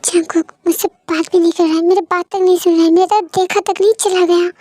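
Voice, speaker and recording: A woman's voice: very high voice, fairly even intonation, fast talker, mellow, no echo. A woman voicing an anxious, tearful pregnant young wife who pleads with her husband. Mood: worried. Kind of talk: fan story voice acting.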